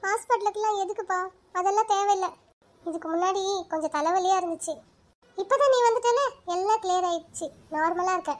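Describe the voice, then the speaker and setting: A tearful young cartoon mother with a very high, thin voice, pleading and full of feeling, as a woman acts her out. She sounds close to tears, tender and heartfelt. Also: fairly quick. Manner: emotional, pleading. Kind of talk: cartoon voice acting.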